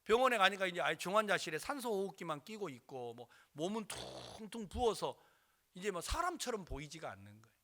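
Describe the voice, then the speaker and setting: A man's voice: high voice, sing-song, fairly quick, bright, forceful tone. A male pastor preaching a sermon, telling a story dramatically and acting out the voices.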